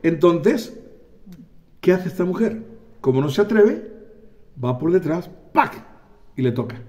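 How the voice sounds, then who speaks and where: A man preaching a sermon, animated, acting out voices and calling on the congregation for amens. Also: fairly high pitch, a little slow.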